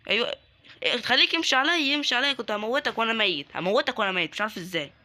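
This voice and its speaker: A young man with an Egyptian Arabic accent commentating his game, excitable and joking as he taunts other players. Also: very high voice, rapid-fire. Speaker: gaming YouTuber. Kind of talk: live Roblox gameplay commentary.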